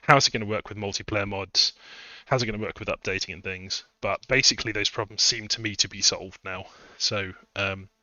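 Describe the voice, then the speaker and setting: A man's voice: fairly low pitch, fairly even intonation, a little fast, hardly any pauses, sharp tone, dry recording, dull audio. A man chatting casually on a live stream, rambling through his points with fillers, a little out of breath. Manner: rambling, conversational, many fillers and restarts. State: a bit out of breath. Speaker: streamer and game modder.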